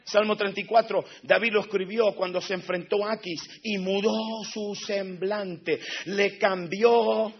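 A man preaching a sermon as pastor, moving between hushed, low passages and shouted climaxes. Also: steady tone, unhurried, husky, highs cut off.

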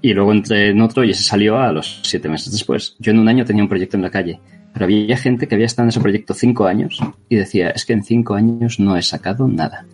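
Low husky Spanish man, wry asides. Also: fast, faint music behind. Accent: Spain Spanish. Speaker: podcast panelist, former game studio developer. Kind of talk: casual podcast chat.

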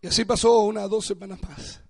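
A male pastor delivering a fervent sermon that swells into shouted, sing-song exhortation and repeated declarations. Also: high voice, steady tone, brisk, slightly rough, no room sound, studio quality.

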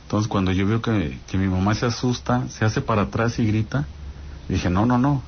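A man's voice: fairly low pitch, normal speed, dull audio, a little hiss or hum. A man with a Mexican accent telling a spooky personal story in a casual way, often turning to his listeners to check they follow. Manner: talks straight to listeners with frequent "¿no?" check-ins. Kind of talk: casual spoken ghost story.

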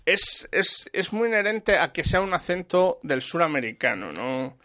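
A man's voice: a little high, sing-song, a little slow, bright, forceful tone, dry recording, studio quality. Man rambling about a film. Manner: rambling, full of restarts and repeated words. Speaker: film reviewer in conversation. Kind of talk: casual chat.

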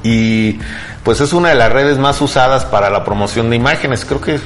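A man's voice: mid-range voice, moderate pace. A middle-aged man with a Mexican accent, talking as a host in a casual, colloquial tech news chat and often tagging on small questions for agreement. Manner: conversational, colloquial, seeks agreement with tags. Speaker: podcast host. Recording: background music.

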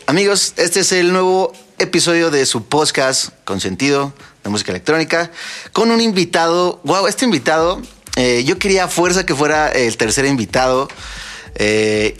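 A young Mexican man hosting a casual music podcast, joking and quick with lots of fillers. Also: on the high side, animated, fairly bright tone. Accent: Mexican Spanish. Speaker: podcast host.

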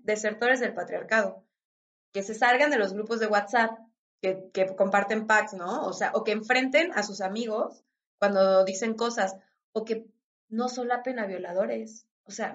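A woman's voice: on the high side, fairly bright tone. A woman with a Mexican accent in a casual discussion, talking emphatically with many fillers and short laughs. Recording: dull lo-fi sound.

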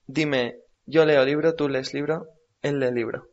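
Slow, patient male language teacher. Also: medium pitch, steady tone, a little mellow. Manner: slow, patient, repeats words for practice. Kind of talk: radio language lesson. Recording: dull lo-fi recording.

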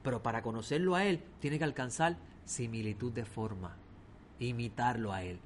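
Animated man preaching. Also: mid-range voice, moderate pace, slight background noise. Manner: animated storytelling, swings between loud emphasis and quiet asides. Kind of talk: sermon.

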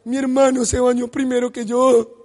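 A man's voice: very high voice, little pitch movement, normal speed, darkish tone, pitched above the performer's own voice. A man voicing his young daughter as a whiny, tearful little girl. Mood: whining.

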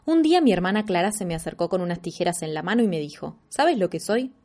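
A woman reading a children's story aloud with expressive, animated narration. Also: on the low side, rapid-fire.

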